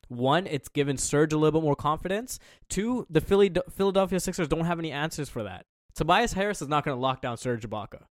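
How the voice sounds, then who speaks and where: Male panelist, playful and stat-heavy, slightly high voice, dry mic. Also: no echo. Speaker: sports panelist. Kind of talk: casual sports talk.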